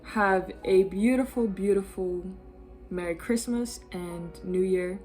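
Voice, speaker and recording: A woman's voice: medium pitch, takes it slowly, darkish tone, faint music behind. A young woman from Bermuda with a Bermudian accent, chatting casually in a vlog, laughing now and then and using many fillers. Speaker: vlogger. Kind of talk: casual vlog explaining slang.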